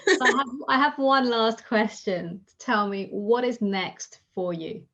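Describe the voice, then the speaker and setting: A woman's voice: a little high, a little slow, a bit bright, muffled recording. A woman hosting a podcast interview as a career coach, speaking in an encouraging, emphatic way. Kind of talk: interview host.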